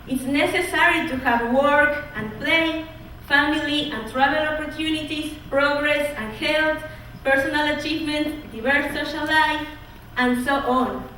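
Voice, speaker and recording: A young woman from Ecuador, a student, delivering an earnest, measured oratory speech. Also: sits high, sharp tone, recorded from a distance, a little hiss or hum. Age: young adult. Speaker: student speaker. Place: college auditorium. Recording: echoey hall, mic from afar.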